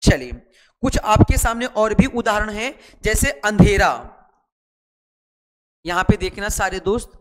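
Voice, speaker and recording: A man with a high-pitched voice and a steady tone teaches shorthand at a measured pace, leaving long pauses, and the sound suggests a big room. In this chatty online lesson he explains while writing, repeats words, and asks his students' questions before answering them himself.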